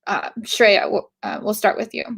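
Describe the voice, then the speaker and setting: A woman's voice: medium pitch, level tone, normal speed, gravelly, fairly bright tone, breathy edge. A woman from Bulgaria moderating a filmmaker Q&A, speaking hesitantly with many fillers. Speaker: festival Q&A moderator.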